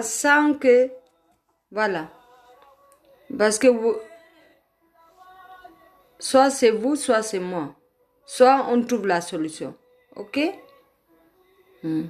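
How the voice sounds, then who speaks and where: A woman from Ethiopia whose first language is Amharic, talking to her viewers in a confrontational way and repeating her warnings over and over. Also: fairly high pitch. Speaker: vlogger. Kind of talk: casual talk to viewers.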